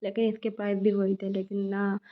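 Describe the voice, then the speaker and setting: A woman's voice: medium pitch, little pitch movement, a little fast. A young woman vlogger chatting casually about a shopping trip, telling the story and quoting the people she met. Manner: chatty, storytelling, quotes shopkeepers and family. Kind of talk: casual shopping vlog narration. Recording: dull lo-fi sound.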